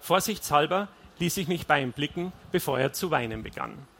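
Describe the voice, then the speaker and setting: A man's voice: fairly high pitch, lively intonation, moderate pace, gravelly, a bit bright, slightly rough. A man reading a first-person audiobook in a wry, confessional storytelling manner. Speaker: audiobook narrator.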